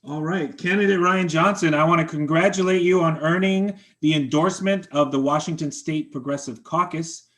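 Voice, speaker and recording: A man with a slightly raised voice chairs a members' meeting over a video call. He moves through motions and votes briskly and politely, thanking each speaker. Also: fairly high pitch, fairly bright tone.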